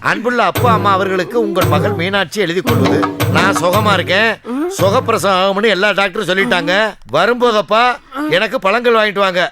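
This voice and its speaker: A man's voice: high-pitched, a little fast, music in the background, lightly acted. A man playing an exasperated scolding villager. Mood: puzzled. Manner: bewildered, scolding. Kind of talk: film comedy acting. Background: film score.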